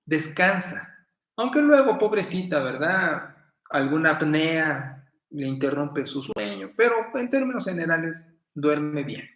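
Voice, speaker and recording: A middle-aged man with a Mexican accent preaching a sermon in a folksy, storytelling way, with sudden bursts of loud emphasis. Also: on the high side, big pitch swings, measured pace. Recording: roomy echo.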